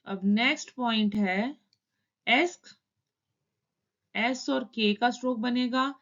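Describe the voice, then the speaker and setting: A woman teaching shorthand in a calm, step-by-step tutorial, explaining each stroke and vowel in turn. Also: fairly high pitch, takes it slowly, muffled recording.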